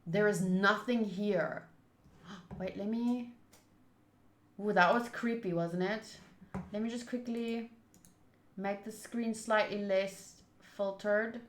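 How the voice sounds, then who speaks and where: A woman speaks at a medium pitch with fairly even intonation, moving slowly and leaving long pauses; the sound is roomy with a faint hiss or hum. She's streaming a visual novel playthrough, chatting casually and either thinking out loud or reading the game's text.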